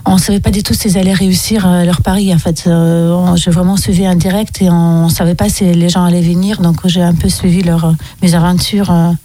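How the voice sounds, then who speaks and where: A woman's voice: lowish voice, little pitch movement, a little fast, hardly any pauses, mellow, dry recording. A young woman from Russia, a film director, answering radio interview questions with many hesitant ums.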